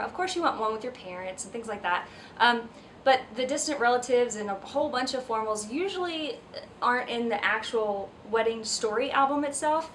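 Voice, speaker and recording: A slightly breathless woman wedding photographer shows off an album at home in a casual video vlog, full of ums and restarts. Her voice is fairly high and a bit bright. The mic sits slightly distant, picking up faint household noise and kids screaming upstairs.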